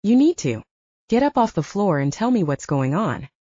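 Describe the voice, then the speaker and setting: A woman narrator voicing a calm older sister who coaxes and gently teases. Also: medium pitch, moderate pace, dry recording, lo-fi sound. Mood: soothing. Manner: coaxing, gently teasing. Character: soothing, wry older sister.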